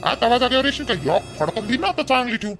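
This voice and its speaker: A man's voice: extremely high pitch, sing-song, quick pace, faint music behind, full character voice. Man playing a furious threatening son-in-law. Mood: scolding. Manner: shouting, threatening, rough. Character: angry young son-in-law demanding money.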